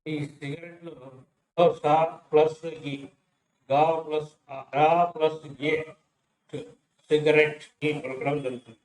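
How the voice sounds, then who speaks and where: A man's voice: a little high, level tone, darkish tone, a little hiss or hum. A man teaching English pronunciation, splitting each word into its sounds and repeating them one by one. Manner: slow, breaks words into sounds and repeats them. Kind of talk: syllable-by-syllable pronunciation lesson. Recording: echoey room.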